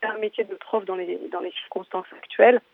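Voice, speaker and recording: A man's voice: high-pitched, steady tone, brisk, gravelly, no room sound. Guy on a tinny phone line, teacher talking thoughtfully, lots of ums. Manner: thoughtful, hesitant with fillers. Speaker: teacher, radio guest. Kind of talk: interview over the phone.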